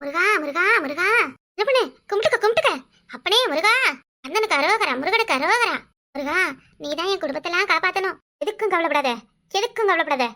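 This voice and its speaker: Woman doing a shrill bossy village woman. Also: expressive, racing, fairly bright tone. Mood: possessed, commanding. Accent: Kanyakumari Tamil. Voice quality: shrill, scolding. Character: bossy devout village woman, quick-tempered. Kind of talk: village cartoon comedy.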